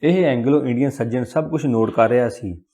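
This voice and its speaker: Brief: male audiobook narrator, medium pitch, deliberate and expressive storytelling. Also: slightly rough. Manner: expressive, deliberate reading with acted voices.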